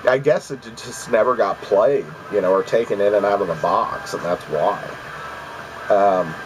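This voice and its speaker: Congested from allergies, a man who vlogs about collecting video games chats at home about what he's picked up, with plenty of ums and false starts. His voice sits in the mid range, and the rough recording carries a bit of hiss or hum.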